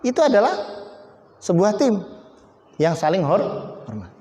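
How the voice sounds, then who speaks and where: A fairly high-pitched man gives an emphatic motivational talk to a company team. He hammers on key words and teases people in the audience by name. His voice rings through a roomy hall with a long reverb tail. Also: wildly swooping pitch, a little slow, a little mellow. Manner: emphatic, repeats key words, jokes with named audience members. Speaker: motivational speaker.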